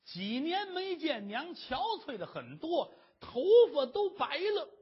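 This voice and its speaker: A man's voice: very high-pitched, very animated, slow pace. A man performing a traditional story with dramatic narration, in a dull lo-fi recording.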